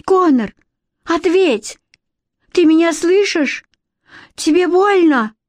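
A cautious twelve-year-old girl from a storybook, voiced by a woman. She pleads and scolds in a high, worried voice. The recording is close and dry. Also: normal speed, a little mellow, no room sound, natural voice. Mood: frightened.

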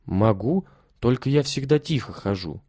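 A man voicing a meek, timid hunchbacked boy in a storybook reading, with soft, slow, hushed replies. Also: medium pitch, lively intonation, husky, dry recording, clean studio sound.

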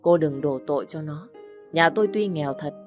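A woman voicing a poor older village father who earnestly defends his daughter and gives gruff instructions. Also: low-pitched, a little fast, over music, close to an everyday voice. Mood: pleading.

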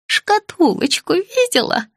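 A woman's voice: very high voice, big pitch swings, fairly bright tone, no room sound, clean studio sound, voice pushed up, full character voice. A woman voicing a tearful, confused old woman. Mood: dazed, pleading. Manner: slow, pleading, rising to wailing cries.

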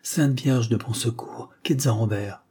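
A man voicing a panicked rich burgher who pleads slowly in prayer. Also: mid-range voice, dark tone, husky. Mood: pleading. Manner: pleading, drawn-out. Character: panicked rich burgher praying on his knees.

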